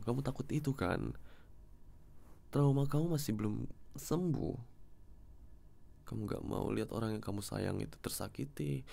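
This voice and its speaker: A man in a whispered role-play as a husband, talking softly and gently, coaxing and comforting his crying partner up close to the mic. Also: medium pitch, vocal fry. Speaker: ASMR role-play creator playing a husband.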